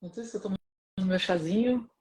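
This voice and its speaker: A woman's voice: medium pitch, fast, mellow, husky. A woman hosting a live video stream from her home, chatting casually with her guest and laughing often. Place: at home in Canada.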